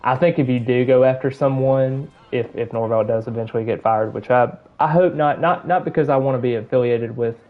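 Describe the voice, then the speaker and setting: Speaking briskly with few pauses, this Southern-accented Alabama man gives casual gameplay commentary on stream, rambling and leaning on filler words as he plays. His pitch is medium, and the sound is phone-quality.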